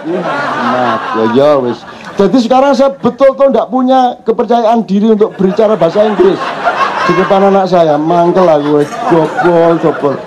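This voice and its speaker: A man's voice: high-pitched, fairly even intonation, fairly quick, a crowd in the background, noisy background. An older man with a Javanese accent telling humorous stories to a live audience, acting out his child's complaints. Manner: joking storyteller mixing in local speech, acting out his child's complaints. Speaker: speaker at a community forum. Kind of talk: casual talk to an audience. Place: outdoor cultural venue before a crowd. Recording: dull live recording with faint ambience.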